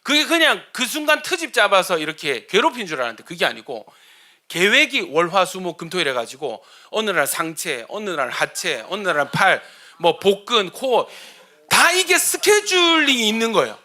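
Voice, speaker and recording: Animated, bright-voiced male pastor preaching. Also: sits high, moderate pace. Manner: animated, asks the congregation questions; humorous storytelling. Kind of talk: sermon.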